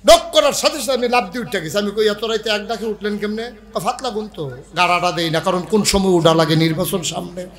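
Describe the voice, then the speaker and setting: A male preacher, his voice pitched high. He tells anecdotes in rustic dialect and rises into loud, ringing exhortation. The tone is sharp and bright. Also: fast. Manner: acts out dialogue in rustic dialect, then builds to shouting exhortation. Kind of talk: sermon with storytelling.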